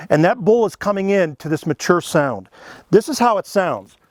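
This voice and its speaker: A man's voice: high-pitched, animated, moderate pace, very noisy. Earnest folksy man teaching elk calls. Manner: folksy, earnest, explains step by step with "you know" and "okay". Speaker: elk calling instructor. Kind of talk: casual instructional demonstration.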